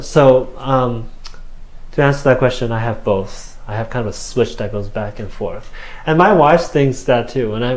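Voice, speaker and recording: A Korean man in his thirties, interviewed as a guest, answers casually in English with a Korean accent. His medium-pitched voice halts often, full of fillers and restarts, and the room gives a roomy echo.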